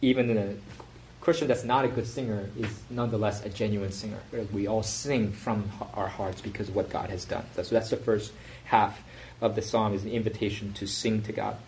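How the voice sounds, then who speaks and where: Low-voiced male preacher teaching casually. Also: level tone, fairly quick, a little mellow, a little hiss or hum, poor audio. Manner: conversational teaching with fillers and restarts. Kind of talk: sermon.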